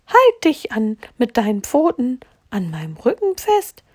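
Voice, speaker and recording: A woman voicing a kind talking fish in a storybook read aloud, squeaky and gurgling bubble sounds. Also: wildly swooping pitch, unhurried, a little mellow, breathy edge, exaggerated voice.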